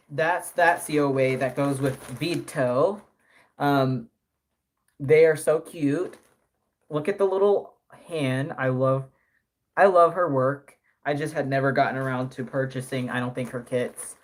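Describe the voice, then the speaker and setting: A man in his early twenties chatting casually on a live stream, rambling with many fillers and self-corrections. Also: mid-range voice. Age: early 20s. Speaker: live streamer and doll artist.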